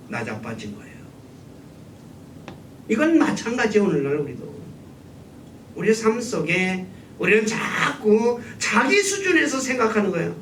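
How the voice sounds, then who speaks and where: Man preaching, keeps asking the room questions and answering them, swoops up and down a lot, church echo. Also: fairly bright tone. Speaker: pastor. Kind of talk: sermon. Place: church sanctuary. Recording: echoey church room, mic at a distance, faint rumble.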